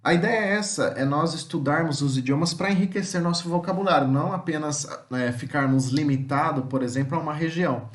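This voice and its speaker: A Brazilian man with a Brazilian Portuguese accent giving a relaxed, conversational homeschool lesson, often tagging his sentences with checks for understanding. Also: a little high, fairly quick, few pauses, echoey room. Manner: conversational, many filler tags and repetitions. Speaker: teacher.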